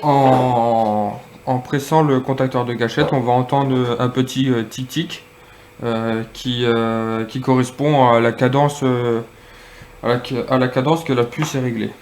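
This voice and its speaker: A man casually demonstrating and reviewing a piece of gear, speaking hesitantly with frequent pauses and fillers. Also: medium pitch, fairly even intonation, a little mellow, a little hiss or hum. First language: French. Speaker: product reviewer.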